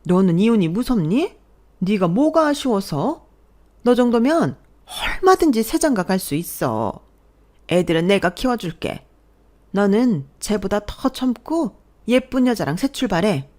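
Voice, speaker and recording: A woman voicing a domineering older mother-in-law who shouts and scolds in a radio drama. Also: medium pitch, big pitch swings, a little slow. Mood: coaxing. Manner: scolding, shouting and jabbing accusations.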